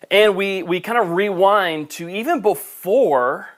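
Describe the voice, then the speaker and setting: A man preaching a sermon to a camera, impassioned, swinging between loud emphasis and soft, gentle asides. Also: high-pitched, unhurried. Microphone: camera mic.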